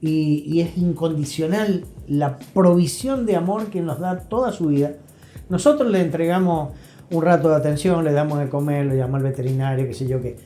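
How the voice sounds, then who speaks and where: An Argentine health professional, a guest in an interview, has a soft, mellow voice that sits a little high, and speaks at normal speed. He explains and advises in an emphatic, conversational manner, driving points home by repeating phrases, while music plays in an echoey room.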